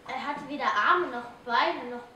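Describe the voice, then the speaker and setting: A young woman on stage quietly telling an absurd tale in a deadpan manner. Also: sits high, normal speed, muffled recording. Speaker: stage actor in a school theatre group. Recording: echoey hall from far off, noisy.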